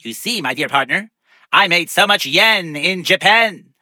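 A puffed-up, boastful tycoon in a children's story, speaking slowly and grandly in a high, very bright voice. He peppers his talk with Hebrew words. The sound is dry, with faint music behind. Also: animated, dry recording, full character voice. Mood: gleeful. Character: pompous rich male businessman, boastful and grand.

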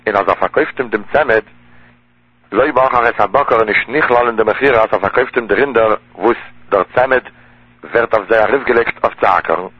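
A man, explaining a Talmud passage in a steady lecture style. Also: fairly low pitch, fairly quick, slightly rough, no echo. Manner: steady explanatory delivery in Yiddish-inflected German. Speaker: Talmud teacher. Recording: dull lo-fi dry recording.

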